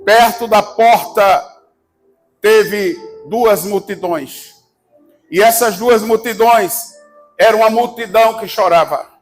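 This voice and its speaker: A Brazilian man preaching a sermon as pastor, fervent and shouting, calling the congregation to answer back. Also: high voice, takes it slowly, long pauses, soft background music, rough recording. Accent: Brazilian Portuguese. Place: church service.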